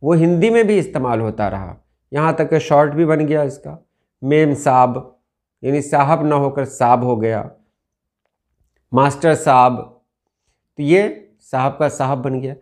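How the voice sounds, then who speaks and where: Slow, deliberate teacher, a man. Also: mid-range voice, darkish tone. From India. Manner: slow, deliberate, repeats key words. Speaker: Urdu language teacher. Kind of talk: explaining word meanings from dictionaries.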